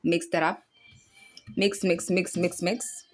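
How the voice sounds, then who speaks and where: In a casual cooking tutorial, a young woman with a South African accent leads viewers through a recipe, playfully chanting in a sing-song as she stirs. Her voice sits on the low side, and her delivery is flat and slow.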